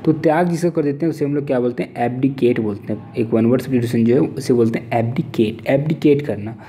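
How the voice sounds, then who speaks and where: A man with an Indian accent gives an exam-prep vocabulary lesson in a very dark, mellow voice. He reads each English definition out slowly, then explains it in Hindi, often checking in with "theek hai". His pitch sits in the middle for a man. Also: a little hiss or hum. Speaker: teacher.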